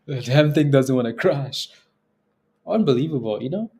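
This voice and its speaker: A man's voice: medium pitch, expressive, moderate pace, a little mellow. A man hosting a casual live trading stream, talking in slangy finance-bro style, blunt and exasperated, often repeating himself for emphasis. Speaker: day-trading livestream host.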